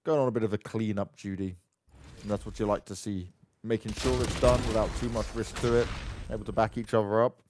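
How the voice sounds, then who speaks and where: Male esports caster, excitable play-by-play, clear game gunfire behind. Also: a little fast, slight background noise. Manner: excitable, jumps sharply higher on big plays. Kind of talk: play-by-play commentary.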